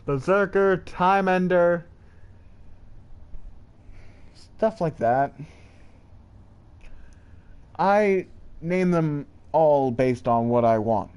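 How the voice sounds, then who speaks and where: Young male vlogger, slow rambling delivery, slightly high voice, halting. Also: a little mellow, smooth. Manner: rambling, halting, jumps between high and low pitch. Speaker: channel creator. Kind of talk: rambling lore monologue.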